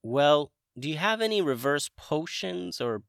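A man's voice: fairly high pitch, very animated, a little slow, creaky, clear, resonant tone, no room sound, studio quality, voice pushed up, heavily acted. A man voicing an eager boy turned into a dragon, talking earnestly and a bit hesitantly.

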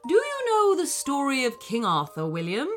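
A woman's voice: high-pitched, huge pitch swings, moderate pace, soft background music, pitched above the performer's own voice. A woman voicing a proud old male wizard trapped inside a racing car, with a grand, kindly storybook delivery. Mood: warm, grand.

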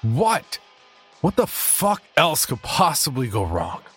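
A man's voice: mid-range voice, wildly swooping pitch, slow, soft background music, pitched above the performer's own voice, full character voice. A man voicing a despairing, down-and-out man who cries out in anguish. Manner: shouting in anguish.

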